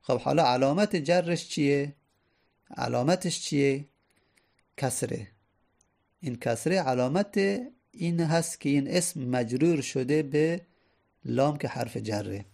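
Gravelly man teaching grammar patiently. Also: mid-range voice, pauses often, a little mellow. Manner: patient, repeats each point step by step. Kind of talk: classroom grammar lesson.

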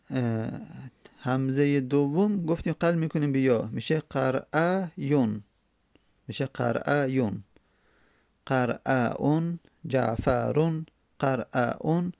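A teacher explains the grammar rules of an Arabic text in a gravelly, rough-edged voice that is medium-pitched and a little mellow. He speaks slowly and hesitantly, repeating each example syllable by syllable and often pausing with drawn-out fillers. The recording is close and dry, with no room echo.

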